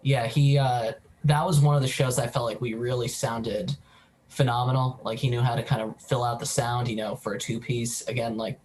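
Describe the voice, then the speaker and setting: A man's voice: medium pitch, flat delivery, moderate pace, a little mellow. Young man telling a loose story, faint hiss. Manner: loose storytelling, frequent ums. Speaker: band guitarist. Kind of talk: casual interview chat.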